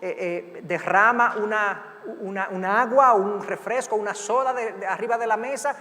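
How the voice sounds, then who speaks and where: A middle-aged male pastor giving an animated sermon, acting out parents and children in quick asides. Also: high voice. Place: large church hall. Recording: long hall reverb.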